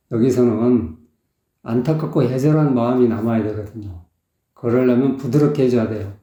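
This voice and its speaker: A man's voice: medium pitch, dark tone. A man working as a vocal coach, analysing a singer's performance and explaining technique step by step. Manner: explanatory, sings short phrases to demonstrate. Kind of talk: song analysis commentary. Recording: echoey, dull lo-fi sound.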